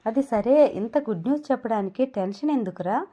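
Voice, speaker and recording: A young man reacts with shock and teasing to his friend's news, as a woman reader voices him. The voice is fairly high and mellow. Audio novel dialogue. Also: animated, fairly quick. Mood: surprised. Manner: surprised, teasing. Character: young man, surprised best friend, quick-tempered.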